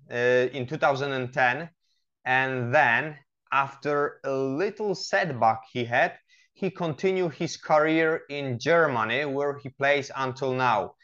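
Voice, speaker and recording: A man hosting a podcast interview, asking halting questions full of hesitations. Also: medium pitch, fairly bright tone. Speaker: podcast host and coach. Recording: slightly dull lo-fi audio.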